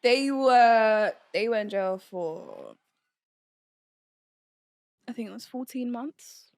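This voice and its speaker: A woman's voice: a little high, expressive, slow pace, darkish tone. A woman with a London accent, using urban slang in casual podcast conversation.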